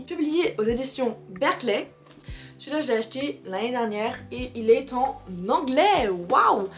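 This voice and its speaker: A woman presenting books in a casual vlog, chatty and excitable, laughing often and reading back-cover blurbs aloud. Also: fairly high pitch. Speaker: booktuber. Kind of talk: casual book haul chat.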